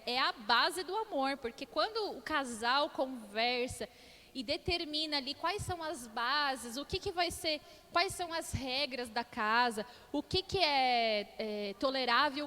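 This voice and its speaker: A woman's voice: high-pitched, a bit bright. A woman in her thirties preaching a conversational sermon, telling family stories and often checking in with the congregation. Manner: storytelling with frequent tag questions to the congregation. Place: church hall. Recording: long church hall reverb.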